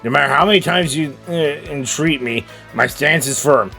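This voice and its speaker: Guy doing a creaky old sea captain game character, proud and gruff, blustery old-timey sailor talk. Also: fairly high pitch, moderate pace, bright, forceful tone, soft background music. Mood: indignant. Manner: blustery, old-fashioned nautical speech. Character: gruff, proud, grieving old sea-dog bomb admiral.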